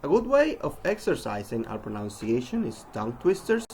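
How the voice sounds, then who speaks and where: A man teaching English pronunciation in a recorded lesson, speaking deliberately and slowing down to model each example word. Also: mid-range voice, sing-song, darkish tone, slight background noise, low-quality recording. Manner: deliberate, demonstrates sounds slowly with example words.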